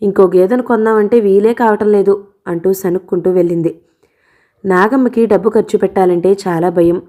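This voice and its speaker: A woman reads a novel aloud at a steady, even pace. Her voice is mellow and warm, neither high nor low. She tells the story in a calm narrating manner. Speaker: audiobook narrator.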